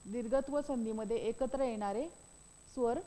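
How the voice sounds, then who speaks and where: Woman teacher, fairly high and mellow voice, repeats points and answers her own questions, long reverb. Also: moderate pace. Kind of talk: grammar lesson.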